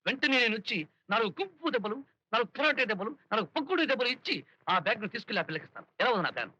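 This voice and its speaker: An actor playing a scheming, boastful harmonium player in a film comedy, theatrical in delivery. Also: male voice, extremely high pitch, sing-song, racing, bright, forceful tone, dry recording, exaggerated voice. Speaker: comic lead. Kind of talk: Telugu film comedy dialogue. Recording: dry, dull film soundtrack.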